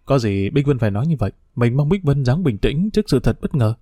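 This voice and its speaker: Brief: male reader playing a comforting young woman friend in an audiobook; gentle, brisk. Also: medium pitch, big pitch swings, no echo, studio quality. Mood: reassuring.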